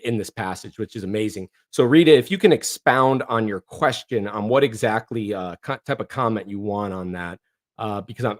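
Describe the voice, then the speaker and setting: His voice is hoarse and fairly low as he hosts a casual livestream, reading out viewer comments. The northeastern Ohio man rambles, restarting often and leaning on fillers.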